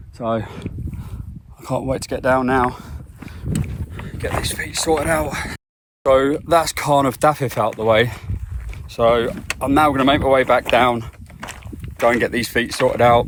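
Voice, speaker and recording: Young male hiking vlogger, casual self-mocking chat, mid-pitched voice, outdoor handheld mic with heavy wind noise. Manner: chatty, blunt and self-mocking, swears casually. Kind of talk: casual vlog talk to camera. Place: outdoors on a mountain.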